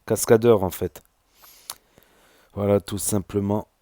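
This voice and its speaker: A man's voice: lowish voice, little pitch movement, takes it slowly, warm tone, dry recording. A man giving casual commentary as the host of a YouTube video.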